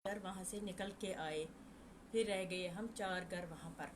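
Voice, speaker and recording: Kashmiri-born woman guest, halting testimony with restarts, noisy live-stream sound. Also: on the low side. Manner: repeats and restarts phrases. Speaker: guest recounting a massacre.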